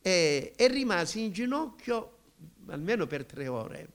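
A man with a somewhat high voice gives a personal religious testimony. He speaks haltingly and emotionally, often repeating words and starting over. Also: sing-song. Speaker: believer giving testimony.

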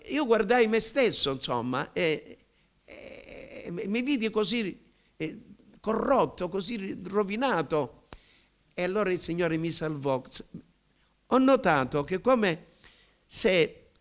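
Higher-voiced man giving halting testimony. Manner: halting, repeating words, emotional retelling. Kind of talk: personal conversion testimony.

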